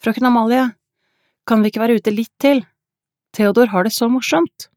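Excited little girl in a storybook, high and pleading, voiced by a woman narrator; dry, close sound. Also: no room sound, close to an everyday voice. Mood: eager, pleading. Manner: high, bright and coaxing. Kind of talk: audiobook character voice.

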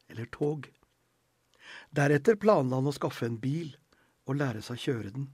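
A man with a husky voice narrating an audiobook in a measured, even reading. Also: medium pitch, no echo.

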